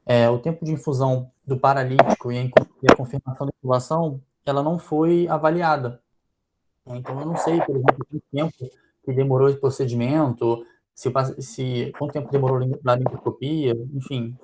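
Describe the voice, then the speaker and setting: A man's voice: mid-range voice, fairly even intonation, fairly quick, noisy background. A man with a Brazilian Portuguese accent, a physician presenting a journal club critique, thinking aloud with frequent fillers.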